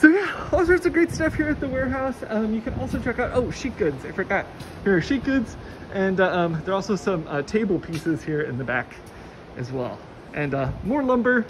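A woman's voice: mid-range voice, expressive, fairly quick. Woman, casual walking tour, enthusiastic, filler-heavy, phone recording, warehouse noise. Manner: chatty, enthusiastic, many fillers. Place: large indoor warehouse. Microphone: handheld phone camera, walking. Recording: noisy warehouse ambience.

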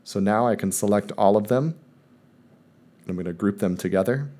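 A man calmly walking viewers step by step through a screen-recorded software tutorial, in voice-over. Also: lowish voice, moderate pace. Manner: calm step-by-step explaining. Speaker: math teacher presenting a tutorial. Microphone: voice-over recorded over screen capture.

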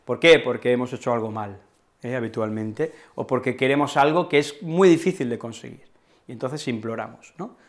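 A man's voice: medium pitch, moderate pace. A man teaching an online Spanish lesson with an accent from Spain, explaining patiently and checking in with his students through frequent tag questions.

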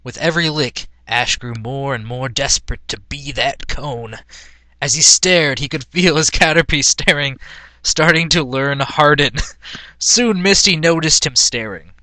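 Reading a fan fiction story in an amused, mock-dramatic manner, this amateur reader keeps cracking up with laughter. He has a mid-range voice with a sharp tone, speaks a little slowly, and there's no room sound.

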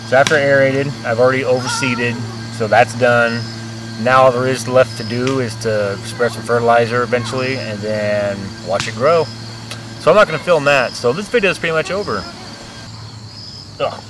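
A young man in his twenties giving a rambling, folksy how-to talk about lawn care while crouching in his backyard, restarting his sentences often. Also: mid-range voice. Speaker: home lawn care vlogger. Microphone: camera mic on a tripod some distance away. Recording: distant camera mic outdoors with faint insect noise.

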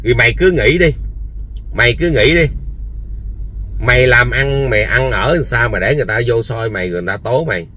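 A man lectures someone in a heated, repetitive rant, peppering it with rhetorical questions. At other times he drops into a quiet, low-key sales pitch. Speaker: online commentator. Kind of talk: heated personal rant to camera.

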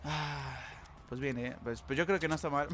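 A man giving live gameplay commentary, talking to his viewers and repeating words rapidly when excited. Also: on the high side, noisy background. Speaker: gamer.

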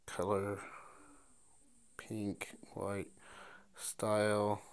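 Thinking aloud as he types, a man who resells storage-unit finds walks through an online listing step by step in a screen recording. He talks to himself in a fairly low, smooth voice, very slowly and with a completely flat delivery.

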